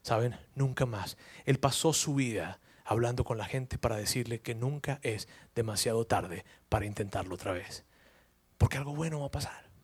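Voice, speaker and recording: A man's voice: mid-range voice, moderate pace, slightly rough. A man preaching a sermon through personal story, emotional, repeating words and asking the congregation questions.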